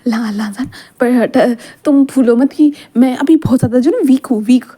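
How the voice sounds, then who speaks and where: A woman with a high, soft voice plays a stubborn, flustered young man from a read-aloud fan story. He protests and trips over his words, half playful and half embarrassed. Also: moderate pace, slightly rough. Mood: flustered, protesting. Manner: protesting, stammering.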